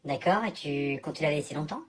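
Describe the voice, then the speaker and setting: A man's voice: a little high, moderate pace, lightly acted. A man voicing a nagging, suspicious woman partner who scolds and pokes around.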